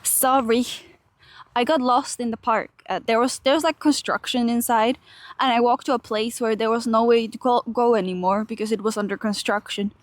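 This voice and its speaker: A woman's voice: fairly high pitch, fairly even intonation, moderate pace, no echo. A young woman from Finland, chatting casually to her live-stream viewers while walking outdoors. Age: young adult. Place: outdoors in a park and transit stations.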